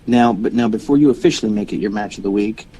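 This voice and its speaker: A young man co-hosts a podcast in a relaxed, rambling way. His voice sits a little low. He often restarts his sentences and stops to plug shows and websites. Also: fast talker, slightly rough, poor audio. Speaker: podcast co-host. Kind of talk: casual chat.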